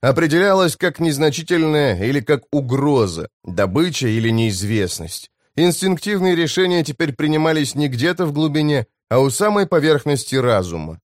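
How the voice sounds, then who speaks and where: Man narrating a dark fantasy audiobook. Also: medium pitch, no room sound, studio quality. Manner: measured, dramatic reading. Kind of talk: scripted narration.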